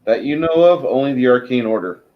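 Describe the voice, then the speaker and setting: A man narrating a tabletop fantasy game as game master, improvising haltingly with pauses to find his words. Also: mid-range voice, lively intonation, lo-fi sound. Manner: halting, pausing mid-sentence to search for words.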